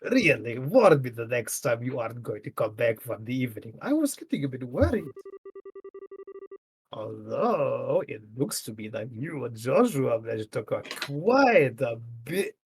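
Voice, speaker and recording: A man's voice: big pitch swings, unhurried, soft background music, poor audio. A man reading a teasing female mentor, plainly. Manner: plain male voice, no attempt at a high pitch. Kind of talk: live game dialogue reading.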